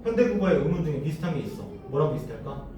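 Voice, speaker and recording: A man's voice: a little high, very animated, very fast, background noise. A man teaching a classroom lesson, often asking the students questions and then answering them himself. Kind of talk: classroom lecture. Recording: echoey room, voice from far off.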